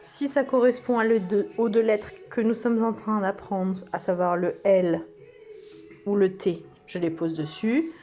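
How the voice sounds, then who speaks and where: Slow sing-song woman teaching small children. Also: mid-range voice, fairly even intonation, dark tone, soft background music. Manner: slow, sing-song, stretches out words and letter sounds. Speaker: preschool teacher. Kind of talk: slow lesson for young children.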